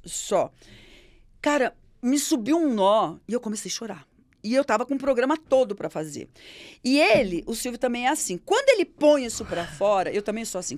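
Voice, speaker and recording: A middle-aged Brazilian Portuguese woman telling stories in an interview, animated and acting out the voices of the people she quotes. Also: fairly high pitch, normal speed, dry recording. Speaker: interview guest. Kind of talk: storytelling in an interview.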